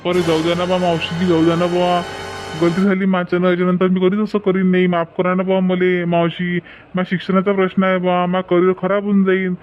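A man's voice: high voice, completely flat delivery, brisk, faint music behind, close to an everyday voice. A man voicing a cheeky young male student troublemaker with a Varhadi Marathi accent, brash and argumentative. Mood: begging. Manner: defiant, whining when caught.

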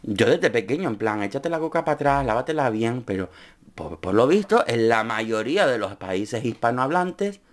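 A young man from Spain giving casual comedic commentary on a reality show, laughing often and slipping into high mimicking voices. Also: very animated, moderate pace.

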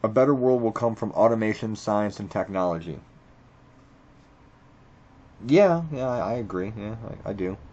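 Expressive and lowish, this man's darkish voice moves at a moderate pace with frequent pauses, and the highs are cut off. A video creator voicing over a screen recording, he reads quiz questions and reacts to each, cursing bluntly and restarting mid-thought with stammers.

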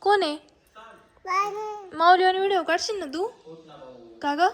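A woman's voice: very high voice, a little slow. A woman filming a casual family vlog at home, talking playfully and coaxingly to a toddler. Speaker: vlogger, mother.

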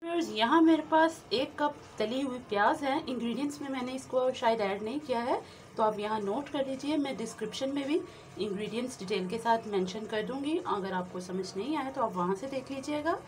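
Brisk and fairly high, this woman hosts a cooking channel, walking her viewers through a recipe step by step in a friendly way. She talks to them directly and slips in English words. It's a noisy phone recording from her home kitchen, with a pan frying and sizzling underneath.

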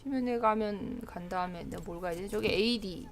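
A woman's voice: mid-range voice, a little fast, a crowd in the background. A woman streaming a game live, chatting to herself and her teammates and often breaking into exclamations. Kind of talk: live gameplay commentary.

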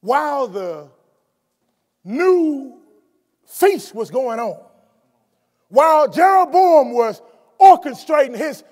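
Very high-pitched and sing-song, a middle-aged guest preacher speaks slowly and pauses often at a lectern on a college chapel stage. His sermon shifts from quiet explanation to shouted emphasis, with frequent stumbles and restarts when he goes off the cuff. The lectern mic and wide camera capture the chapel's long hall reverb.

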